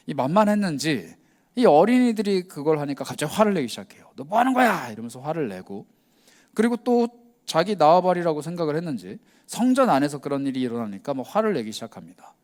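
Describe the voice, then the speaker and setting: A man's voice: fairly high pitch, a little mellow. A male pastor giving a youth worship sermon in a casual, conversational way, telling the story with energy and acting out the lines he quotes. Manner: casual, conversational preaching with slang.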